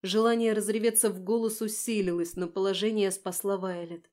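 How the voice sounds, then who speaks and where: A woman reading a fantasy novel aloud in an even storytelling manner. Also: medium pitch, brisk. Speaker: audiobook narrator. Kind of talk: scripted narration.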